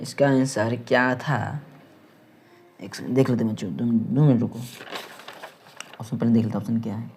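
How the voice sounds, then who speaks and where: A man with a Bihari Hindi accent teaching an exam-prep lesson, rushing through quiz questions and checking in with his students over and over. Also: medium pitch, steady tone, a little mellow, slight background noise. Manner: quick, repetitive, keeps asking "ठीक है?".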